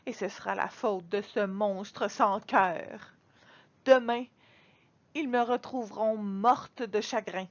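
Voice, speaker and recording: A woman reading a children's picture book aloud in an expressive, dramatic storytelling manner. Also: mid-range voice, slow pace, lo-fi sound. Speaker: storybook reader.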